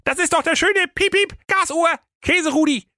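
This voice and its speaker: A man voicing an excitable young stepsister who squeals with hiccuping outbursts. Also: very high voice, moderate pace, no room sound, studio quality, pitched above the performer's own voice. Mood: excited.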